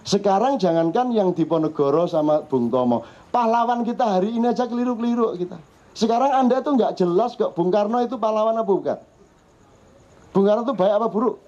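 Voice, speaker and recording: A man's voice: high-pitched, a little fast, warm tone. A middle-aged man with a Javanese accent, telling funny stories to a live audience in a teasing, chatty way. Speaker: speaker at a public discussion forum. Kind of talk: humorous storytelling to a live audience. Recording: muffled lo-fi live recording.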